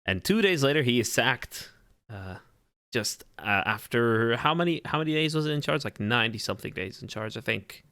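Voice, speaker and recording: Male co-host, mid-pitched casual chatter, fillers and repeats, dry close mic. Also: expressive, moderate pace, bright, forceful tone, clear, resonant tone, dry recording. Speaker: podcast co-host. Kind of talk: casual chat.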